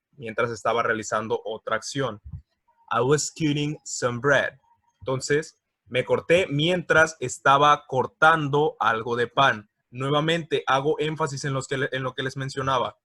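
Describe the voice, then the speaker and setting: A man works through an English grammar lesson from slides, explaining patiently, checking in often, and slowly repeating words for pronunciation. His mid-range voice is steady and sharp in tone, with no echo.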